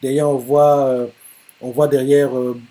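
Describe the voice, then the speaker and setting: A man hosting a live manga reaction, retelling the chapter excitedly with lots of fillers and laughter, his voice jumping up high when he jokes. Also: measured pace. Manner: jumps up high when joking.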